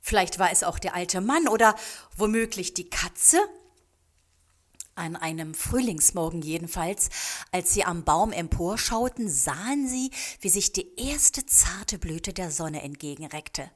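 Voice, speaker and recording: A woman reads a storybook aloud at an unhurried pace, calm and measured. Her voice sits on the lower side. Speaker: narrator. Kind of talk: storybook reading.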